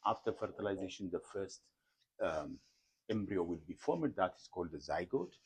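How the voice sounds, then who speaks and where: A middle-aged man from Ethiopia, a professor explaining embryo research in an interview, careful and halting with many fillers and repeated words. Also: low-pitched, animated, husky.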